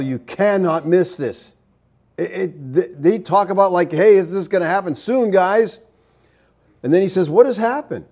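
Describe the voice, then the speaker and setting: Incredulous preacher man, voice rising sharply. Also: high-pitched. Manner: animated and incredulous, arguing point by point. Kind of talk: sermon.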